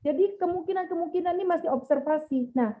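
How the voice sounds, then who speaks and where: A woman's voice: very high-pitched, quick pace, slight background noise. A woman pastor giving an emotional, earnest testimony and speaking straight to her listeners. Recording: tinny phone-like sound.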